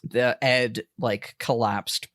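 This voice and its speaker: A man's voice: mid-range voice, flat delivery, slow pace, a bit bright, no room sound, studio quality. A man co-hosting a podcast in a casual chat, rambling, laughing often and swearing freely. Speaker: podcast co-host.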